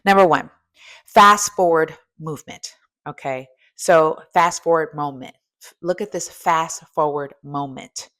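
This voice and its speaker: A woman in her fifties, a strength coach and host, delivers a motivational coaching talk with emphasis, putting direct questions to the listener. Her voice is low-pitched and fairly bright, and she speaks at a measured pace.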